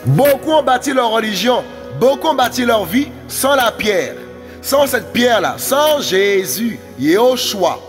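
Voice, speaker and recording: Fiery high-voiced preacher man. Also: long reverb tail. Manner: shouting and exhorting, repeating words. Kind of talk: fiery street sermon.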